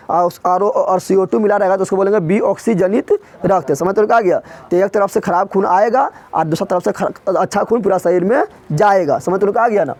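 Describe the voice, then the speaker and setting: High-voiced man drilling students. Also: a little mellow. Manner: drills students with repeated quiz questions; colloquial, emphatic explaining. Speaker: teacher. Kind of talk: classroom lecture.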